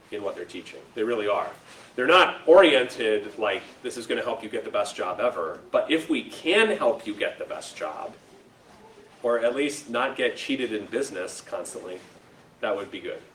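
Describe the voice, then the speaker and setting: This informal educational talk comes from an American man presenting to listeners in a school room, checking on them with "right?" and "okay?". His voice is fairly low and a bit bright, with faint noise, roomy echo and a far-off mic.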